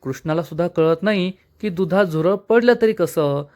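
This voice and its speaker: A man retells a TV serial episode in a lively, dramatic storyteller's way. His voice sits somewhat high for a man, and he narrates scene by scene. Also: normal speed.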